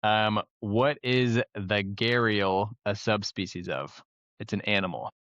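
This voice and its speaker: A man's voice: on the low side, slow pace, fairly bright tone, no echo, highs cut off. A young man hosting a casual podcast chat, running a trivia quiz and laughing often. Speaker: podcast host.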